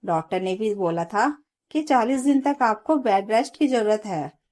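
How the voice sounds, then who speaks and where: A woman's voice: fairly high pitch, expressive, moderate pace, darkish tone. A woman voicing a weary pleading young mother. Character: young worn-out new mother, pleading daughter-in-law.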